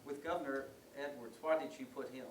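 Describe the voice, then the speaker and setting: A man interviewing, asking brief, quiet prompting questions. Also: mid-range voice, fairly even intonation, brisk. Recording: distant, echoey room with faint noise.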